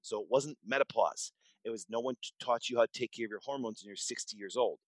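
Speaking at a quick clip in a medium-pitched voice, a male doctor in his forties shares stories as a guest on a podcast interview. He sounds conversational yet emphatic, repeating points and restarting his sentences. There's no echo, but the audio quality is poor.

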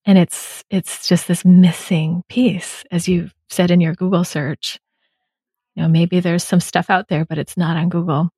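A woman's voice: on the low side, flat delivery, a little slow, dark tone, breathy edge, dry recording. A woman hosting a podcast conversation, speaking in a thoughtful, reflective way. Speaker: podcast host. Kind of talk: casual conversation.

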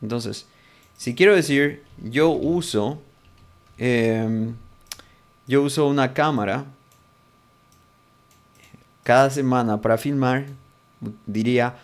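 Male teacher, unhurried delivery, patient, repeats each example, mid-pitched voice. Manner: slow and patient, repeats examples, checks in often. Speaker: language teacher. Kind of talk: explaining a lesson.

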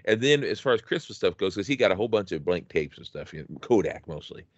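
A man's voice: deep voice, big pitch swings, fast talker, no echo, lo-fi sound. A man co-hosting a podcast, chatting casually and nostalgically, rambling with many restarts. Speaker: podcast co-host.

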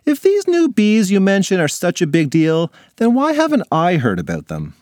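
Man putting on a high, fussy mom voice, theatrical, swooping, dry close mic. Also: huge pitch swings, normal speed, darkish tone, dry recording. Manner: theatrical, exasperated. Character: fussy, dramatic grown woman, a mother.

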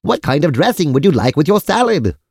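An eager, polite waiter played by a man, with a very animated sing-song delivery. He is formal and obliging, in comic audio drama style, recorded close and dry. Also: on the high side, a little fast, slightly rough, no echo, heavily acted.

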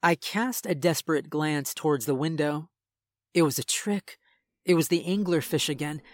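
A man reading a first-person horror story in a tense, measured way. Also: on the high side, no room sound, clean studio sound. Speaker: narrator. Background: faint music.

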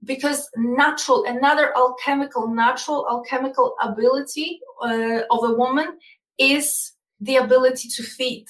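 Speaking as an interview guest in casual conversation, a Polish woman explains things earnestly and often repeats words. Her voice is high and a bit bright, with fairly even intonation at a normal pace. The recording is low quality, reverberant, and picked up from a distant mic.

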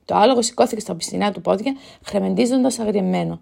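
A woman reads her own teen novel aloud. Her narration is steady and measured, mid-pitched, with a gravelly edge. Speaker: author reading her book. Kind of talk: scripted storybook narration.

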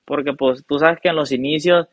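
A man's voice: a little high, moderate pace, dry recording. Young man, slangy drawl. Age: young adult. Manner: relaxed, slangy storytelling with many fillers. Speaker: guest musician. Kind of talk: casual interview chat.

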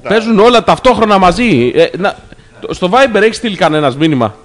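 A man's voice: high voice, sing-song. A man co-hosting a podcast in goofy banter, fussing over the live setup and repeating his questions. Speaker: podcast co-host.

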